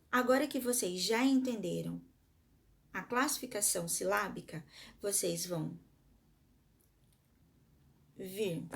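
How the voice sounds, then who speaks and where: Woman, Brazilian Portuguese accent, schoolteacher, recorded lesson, mid-pitched voice, patient step-by-step explaining, sounds out syllables. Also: gravelly. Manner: asks the class questions and answers them herself. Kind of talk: recorded remote lesson for pupils.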